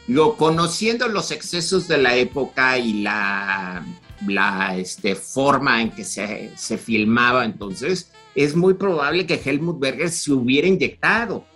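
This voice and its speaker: A man with a Mexican Spanish accent talks casually about film with a mid-range voice. He rambles, with plenty of fillers and restarts, and faint music plays softly behind him. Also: mid-range voice, animated, slow. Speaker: podcast co-host.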